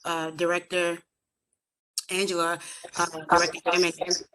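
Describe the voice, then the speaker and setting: A woman hosting a virtual veterans roundtable, conversational and a little halting, often stumbling over names and titles. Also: fairly low pitch, completely flat delivery, crowd noise. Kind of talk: virtual meeting moderation.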